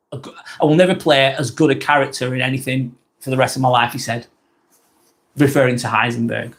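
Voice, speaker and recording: In a casual live-stream, a man with a Lancashire accent from northwest England talks in a rambling, blunt style, dropping casual swear words and often restarting what he says. His pitch is medium.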